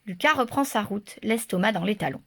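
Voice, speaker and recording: A woman reading a children's story aloud in a lively, expressive way. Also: medium pitch, a little fast.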